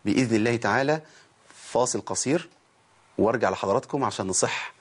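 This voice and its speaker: His voice is medium in pitch and slightly rough, and he keeps a quick pace. A fatigued man with an Egyptian Arabic accent, he teaches Quran recitation in a broadcast tajweed lesson. Step by step he explains, demonstrates sounds, and tests his viewers with questions.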